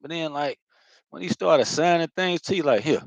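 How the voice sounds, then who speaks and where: A man's voice: fairly high pitch, moderate pace, creaky, dry recording. A man giving a loose, profane spiritual monologue, talking casually with lots of fillers. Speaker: spiritual vlogger.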